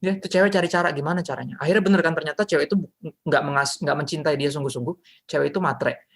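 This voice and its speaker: A male pastor giving a casual youth sermon, his voice sitting a little high. He talks in an animated, slangy, joking way that keeps it loose. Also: quick pace, gravelly, breathy edge.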